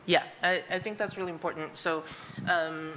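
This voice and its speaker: A woman's voice: fairly low pitch, fairly even intonation, moderate pace, sharp tone. Woman, conference speaker, thoughtful answers, filler words, faint room noise. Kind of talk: answering audience questions.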